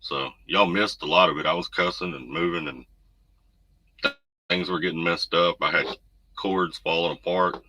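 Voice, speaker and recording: With fairly even intonation, normal speed and frequent pauses, the deep-voiced trucker host sounds bright and forceful. He chats casually through viewer comments on a livestream from a room at home, and his desk USB condenser mic yields a dry, rough recording with background noise.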